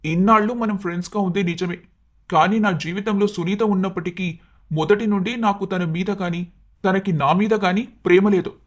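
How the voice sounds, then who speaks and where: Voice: mid-range voice, steady tone, moderate pace, lightly acted. A performer voicing an earnest, hot-tempered young husband in a cartoon story, talking in a pleading, emotional way. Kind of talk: Telugu storybook cartoon dialogue.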